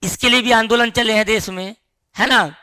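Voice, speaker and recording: एक पुरुष शिक्षक कक्षा में पाठ्यक्रम समझाते हुए, बीच-बीच में छात्रों से सवाल पूछता है।. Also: male voice, high voice, fairly even intonation, normal speed, sharp tone, clear, resonant tone. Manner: explains with rhetorical questions to the class. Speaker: teacher. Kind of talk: classroom lecture on the syllabus.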